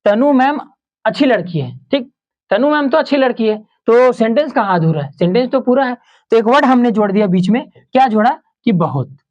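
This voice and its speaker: A man teaching a Hindi grammar lesson for exam preparation, who keeps asking questions and answering them himself, repeating each example and slowing down on key terms. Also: expressive, darkish tone, highs cut off. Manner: slows down and drops low on key terms.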